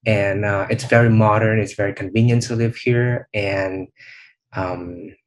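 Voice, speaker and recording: Thoughtful young man, low voice. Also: steady tone, rough recording. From Vietnam. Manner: thoughtful, many "um" and "you know" pauses. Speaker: channel host, interviewee. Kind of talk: speaking test practice answers.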